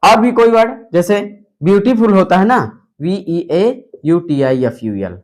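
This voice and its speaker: A man's voice: high voice, lively intonation, measured pace, darkish tone, soft background music. A young male English teacher, explaining grammar rules at a whiteboard and answering his own rhetorical questions. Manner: repetitive, asks rhetorical questions then answers them.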